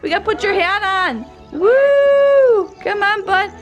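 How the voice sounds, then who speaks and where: A woman's voice: very high voice, lively intonation, takes it slowly, faint music behind. A woman talking playfully with a child and a dog in a backyard home video, laughing and singing along.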